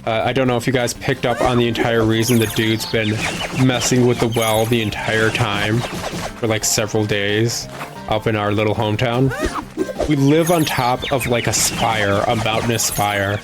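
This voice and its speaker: A man's voice: medium pitch, steady tone, normal speed, music in the background. A man giving casual, rambling, informal commentary as he plays a video game. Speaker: video game let's player.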